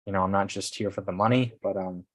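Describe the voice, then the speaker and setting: Deep-voiced yet fairly bright in tone, this man hosts a casual business coaching livestream at a quick pace with fairly even intonation and no echo. He wanders from point to point, frequently checking on his audience and tagging lines with "okay" and "guys."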